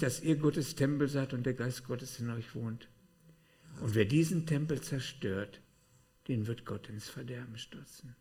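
Male preacher, sermon delivery, animated, loud-to-hushed swings. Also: mid-range voice. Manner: animated, shifting between loud outbursts and hushed asides.

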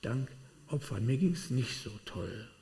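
A man preaching a sermon, telling personal testimony in an animated way with sudden swings between loud and quiet. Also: mid-range voice, measured pace, vocal fry. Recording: long hall reverb.

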